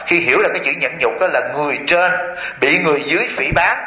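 A Buddhist monk preaches to a gathered lay audience in a temple hall. His voice sits fairly high and sounds bright and forceful, and the hall adds a roomy echo. He chuckles as he tells his stories and keeps turning to his listeners with questions. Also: fast talker. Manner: lively, keeps quizzing the audience with rhetorical questions; chuckles often while storytelling. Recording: echoey hall.

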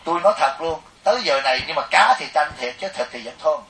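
A middle-aged Southern Vietnamese monk preaching with a lively, jokey storyteller's manner, his voice sitting high for a man. He is heard from a distance, and the sound rings around a roomy, echoing hall. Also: fast. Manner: animated, jokey, acts out quoted people. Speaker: Buddhist monk giving a dharma talk. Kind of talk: storytelling sermon to a live audience. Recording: echoey hall, mic at a distance.

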